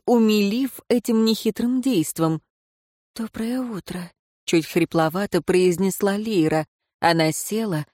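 A woman reading fantasy fiction aloud in a steady, measured narration. Her mid-pitched voice sits close to the mic in a dry, unreverberant booth. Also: no echo. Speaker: audiobook narrator. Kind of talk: scripted narration.

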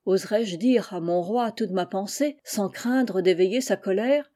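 Scheming queen, soft, insinuating, mellow warm voice, storybook, woman reader. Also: mid-range voice, measured pace, close to an everyday voice. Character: scheming cunning queen, stepmother.

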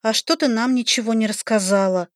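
A woman's voice: normal speed, no room sound, studio quality, natural voice. A woman reading an audiobook, voicing a shy, anxious young woman who studies to be a healer, in a timid, pleading way. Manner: timid and pleading, voice lifting higher. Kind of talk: audiobook character voice.

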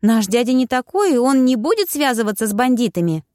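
A woman's voice: very animated, a little fast, darkish tone, no room sound, studio quality. A woman reading an audiobook, voicing a naive, easily upset young girl who defends her mother. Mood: pleading. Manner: high, pleading, upset. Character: tearful, naive young sister.

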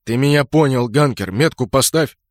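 A man reading an audiobook, voicing a blunt, bloodthirsty young knight with loud outbursts. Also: mid-range voice, normal speed, no echo, studio quality, lightly acted.

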